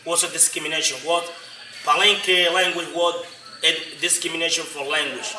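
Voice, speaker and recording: A man from Colombia with a Colombian Spanish accent, explaining his community's history as a local guide in halting, repetitive English. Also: a little high, steady tone, pushed and bright. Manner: halting non-native English, repetitive, frequent "you know?". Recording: roomy, distant from the mic, faint noise.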